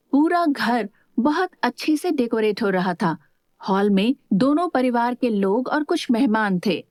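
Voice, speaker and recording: A woman narrating a romance audio story in calm, even storytelling. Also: fairly high pitch, no echo, clean studio sound. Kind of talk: scripted narration.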